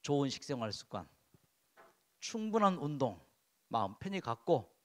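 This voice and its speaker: A male pastor giving a health sermon in church, often asking the congregation questions and answering them himself. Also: on the high side. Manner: drills listeners in call-and-response repetition.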